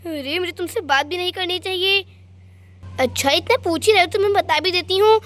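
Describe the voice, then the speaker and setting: A woman's voice: extremely high pitch, a little fast, a bit bright. A woman voicing a touchy young woman doll who sulks and complains huffily in a doll story. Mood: huffy. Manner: sulky, huffy complaints.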